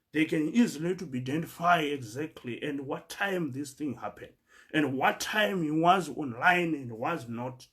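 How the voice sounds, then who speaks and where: A man from Zimbabwe with a Zimbabwean accent, giving an earnest monologue that cites scripture and stumbling as he repeats words while searching for the next. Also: a little high. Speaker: speaker addressing fellow migrants.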